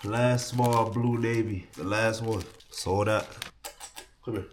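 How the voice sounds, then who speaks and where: Stuffed up nasal young guy from miami, lowish voice, chill slangy vlog talk from his home office. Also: steady tone, slow pace, slight background noise. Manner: laid-back slangy hype talk with motivational asides. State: congested from a cold, nasal. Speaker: clothing brand co-owner. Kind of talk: casual vlog talk to camera.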